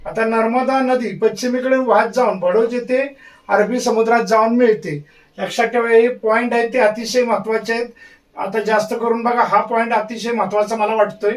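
A man's voice: extremely high pitch, fairly even intonation, normal speed, distant mic. A man teaching an exam-prep lesson, repeating key points and drilling memory tricks.

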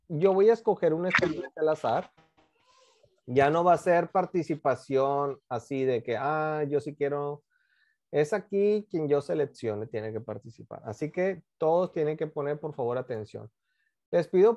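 A woman teaching English in an online class, drilling pronunciation slowly over a computer microphone. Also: sits low, a little mellow. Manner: slow, drawn-out pronunciation drilling. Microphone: computer mic on a video call.

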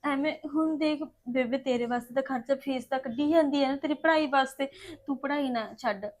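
An actress playing a young woman of a poor village family, crying and talking in a soft, subdued, pleading voice. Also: high-pitched, a little fast, close to an everyday voice. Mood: tearful. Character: tearful elder sister of a poor family, self-sacrificing. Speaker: actress in a short family drama.

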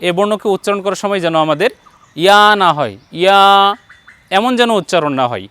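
A man with a high, smooth voice leads a patient pronunciation lesson. He models each letter slowly and encourages his student after every attempt. The sound is dry and close, with no room echo. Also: sing-song, a bit bright. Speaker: Quran recitation teacher.

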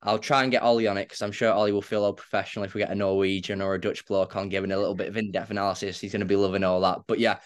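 Young man, fan-channel host, lowish smooth voice, chatty and direct with viewers. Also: level tone, racing, hardly any pauses. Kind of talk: casual fan reaction chat.

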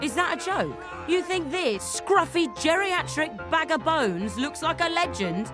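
Bossy young cartoon gang leader, high, lively, insulting, music behind. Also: female voice, slow pace, exaggerated voice. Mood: scornful. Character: brash, mocking young female gang leader Goldilocks.

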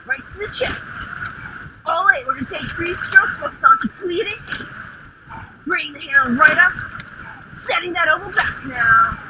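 Young woman coxswain, rowing coach-style speaker calls, very high voice, unhurried clipped commands, noisy outdoor headset mic. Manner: clipped, rhythmic stroke calls, rising to urgent shouting on power pushes. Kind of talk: coxswain calling commands through the boat speaker during a race piece. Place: outdoors on the water in a rowing shell.

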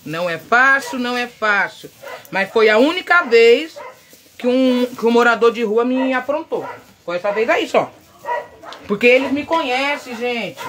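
A middle-aged Brazilian woman chatting loudly and outspokenly with her viewers, telling a story while she works. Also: a little high, lively intonation, a little slow, noisy background. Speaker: vlogger. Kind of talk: casual chat while painting a wig.

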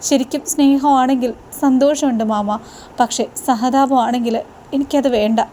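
A woman voicing sad young wife from a tv serial, pleading, kinda high voice. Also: fairly even intonation, moderate pace, mellow, slight background noise, close to an everyday voice. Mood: tearful pleading. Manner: earnest, plain retelling of her words.

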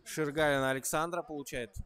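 A man calling a basketball game live, his voice sitting a little higher than most men's. He reels off passes and shots as they happen and lifts his voice on the big plays. Between plays he slips into easy, conversational remarks. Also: clean tone. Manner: quick play-by-play calls that rise in excitement, with relaxed chatty asides. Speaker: basketball commentator. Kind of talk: live play-by-play commentary.

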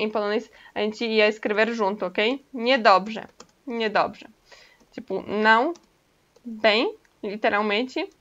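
Bright-voiced woman teaching a language. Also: on the high side. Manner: patient, explains step by step, often checks in with "ok?". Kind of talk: casual online language lesson. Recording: dull lo-fi recording.

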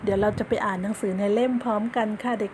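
A woman's voice: mid-range voice, low-quality recording. Patient woman teaching small children. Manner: patient, coaxing, repeats and spells words slowly for children. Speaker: kindergarten teacher. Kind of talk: online lesson for young children. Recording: steady background noise.

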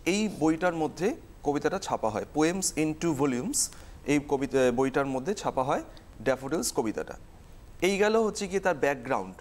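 A woman's voice: deep voice, darkish tone. A woman teaching a televised exam-prep lesson, explaining step by step and repeating key terms.

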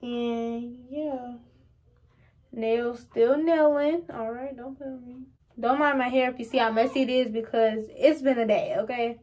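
A woman's voice: fairly high pitch, steady tone, a little slow, a little mellow. A young woman vlogging casually to the camera at home, chatty and rambling, often calling her viewers y'all. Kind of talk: casual vlog chat to camera.

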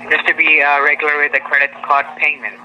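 A man gives a scripted telemarketing pitch, leaning on stock phrases. His voice is very bright and slightly high, carried over a faintly noisy phone line. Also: flat delivery, quick pace. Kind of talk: scripted credit card sales pitch.

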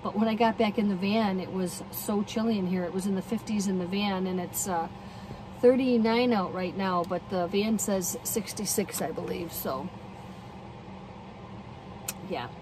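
Middle-aged woman talking to her phone in a parked van, chatty and upbeat, heater humming loud behind her. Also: mid-range voice, moderate pace. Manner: chatty, upbeat, thinking aloud while showing things. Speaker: van camping vlogger. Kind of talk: casual vlog chat. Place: inside a parked minivan, heater running. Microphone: phone camera held or mounted close. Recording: steady heater noise behind.

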